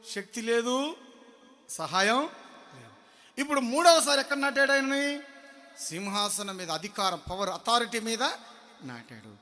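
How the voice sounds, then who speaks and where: A man preaching a sermon, throwing questions at the congregation and swinging between loud shouts and low murmurs. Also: big-room sound.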